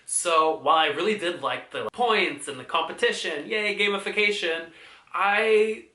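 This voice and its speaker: A man's voice: fairly high pitch, expressive, unhurried, pushed and bright, roomy sound. A man talking casually in a vlog, chatty and playful, with exaggerated outbursts. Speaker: vlogger.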